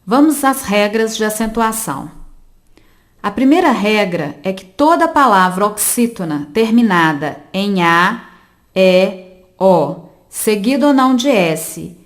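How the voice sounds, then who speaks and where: A woman reading a grammar lesson aloud for an audiobook, slowly and carefully, spelling out each example word by word. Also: mid-range voice, lively intonation. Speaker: volunteer reader of an audiobook lesson.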